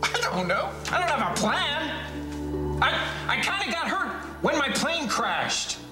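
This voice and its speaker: A man playing a bitter, wounded character with halting, intense delivery in a soap opera style. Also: very high voice, big pitch swings, music in the background, full character voice. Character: bitter, wounded man hiding after faked death. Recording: echoey room with long reverb.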